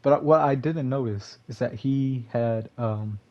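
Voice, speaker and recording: A man's voice: mid-range voice, unhurried, lo-fi sound. A man giving casual gameplay commentary, rambling and correcting himself, chuckling often.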